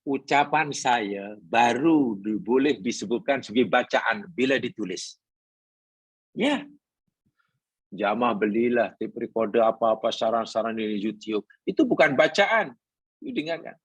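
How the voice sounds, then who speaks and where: A man's voice: mid-range voice, lively intonation, a little slow, slightly rough, dry recording. A man with a Malaysian Malay accent teaching a Quran class, explaining patiently, repeating his points and asking the congregation questions. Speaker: religious teacher.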